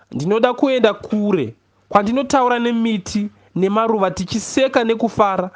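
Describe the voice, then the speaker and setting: A high-pitched man with a Zimbabwean accent, reading a novel as a poet would, delivers a first-person literary story expressively. He takes it at a measured pace and pauses deliberately.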